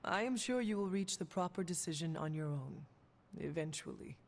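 Formal, stoic young demon hunter. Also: female voice, lowish voice, lively intonation, normal speed. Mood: composed. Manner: formal, composed, few contractions. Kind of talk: video game voice acting.

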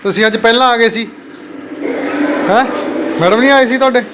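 A young man with a fairly high voice runs a casual family vlog. He talks to his little ones in a doting, coaxing tone and keeps asking whether they agree. A faint hiss sits under the voice. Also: fairly quick. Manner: coaxing, doting talk to his children, often checking "okay?". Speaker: father and family vlogger.

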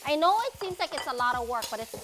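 Animated and quick, a woman in her thirties uses her high voice to explain each stage of a dish in a friendly way while hosting a cooking show. She wears a lapel mic in a big home kitchen, with background noise, music, and frying sizzle around her.

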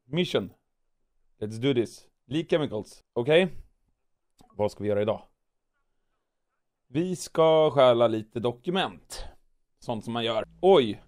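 Hoarse man doing playful game commentary. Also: mid-range voice, lively intonation, pauses often, darkish tone. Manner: playful, narrates moves with comic sound words. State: hoarse from weeks of coughing. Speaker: gaming video host. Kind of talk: gameplay commentary.

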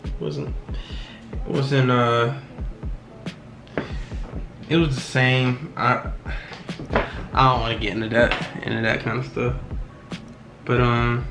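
A twenty-year-old man talks to a camera on his desk in a small wood-paneled room. His speech is laid-back and reflective, full of slang and trailing pauses. A beat plays clearly underneath, and the voice sits at an ordinary middle pitch. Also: flat delivery, reverberant. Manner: laid-back slang, keeps saying "you know what I'm saying". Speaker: vlogger. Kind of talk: casual to-camera vlog. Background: background music.

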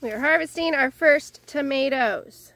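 A home gardener vlogger from Northwest Illinois gives a casual, cheerful tour of her vegetable garden outdoors, a bit out of breath as she walks and talks. Her high voice is gravelly, bright and forceful, her pace a little slow, with no echo. She sounds thankful and chatty, restarting often.

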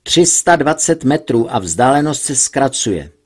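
A man's voice: medium pitch, big pitch swings, breathy edge, pitched above the performer's own voice. A man doing a tense pilot calling out reports. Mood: reporting. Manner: clipped, reporting. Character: tense male pilot hunting a submarine.

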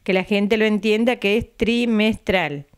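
An older Argentine woman chats with a local TV interviewer at home in her living room, answering into a handheld mic the interviewer holds. As president of a retirees' center, she patiently repeats dates and tags her lines with a questioning aside, in Argentine Spanish. Her medium-pitched voice is steady, unhurried, clear, and resonant.

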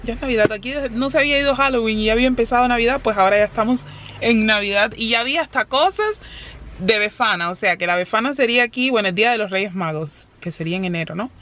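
A woman's voice: on the high side, fast, fairly bright tone. Chatty woman vlogging to her viewers. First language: Spanish. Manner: chatty, fond, explains words patiently. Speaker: family vlogger. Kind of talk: casual vlog chat to viewers.

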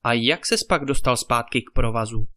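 A man's voice: mid-range voice, bright, forceful tone, lightly acted. A man reading the part of a fierce, jealous warlord in a fairy-tale audiobook, harsh and demanding in tone. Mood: suspicious.

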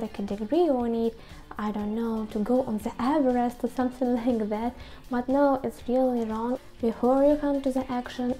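This woman's fairly high, warm voice belongs to a YouTube host in her twenties. Speaking from a small, quiet room at home, she delivers scripted advice to camera with non-native English phrasing.

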